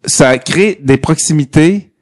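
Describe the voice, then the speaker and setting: A man's voice: fairly high pitch, slow. A man with a Québécois accent chatting casually on a podcast, trading dry quips and telling stories. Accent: Québécois French. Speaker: podcast host. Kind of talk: casual chat.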